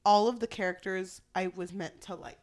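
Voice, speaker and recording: A woman's voice: mid-range voice, fairly even intonation, moderate pace, crowd noise. Tipsy woman, rambling bluntly. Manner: blunt, frequently swearing. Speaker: book reviewer. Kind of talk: casual chat, book review.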